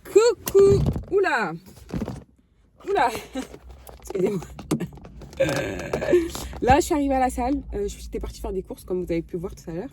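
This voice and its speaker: A woman's voice: a little high, sing-song, moderate pace, long pauses. A woman vlogging in a casual chat, rambling and thinking aloud with lots of hesitations and playful self-talk.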